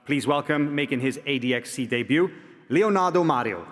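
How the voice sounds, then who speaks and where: A man hosting a press conference, introducing athletes in a brisk, joking, promotional way. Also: mid-range voice, lively intonation, fairly bright tone, slight background noise. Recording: echoey hall reverb.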